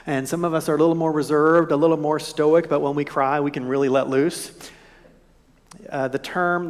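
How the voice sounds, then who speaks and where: Man preaching in an echoey church. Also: fairly high pitch. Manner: expressive preaching, drops to near whisper at moments. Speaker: pastor. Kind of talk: sermon. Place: church sanctuary.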